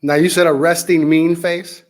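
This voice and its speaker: A man hosting an interview, asking measured, probing questions. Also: on the high side, flat delivery. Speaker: interview host.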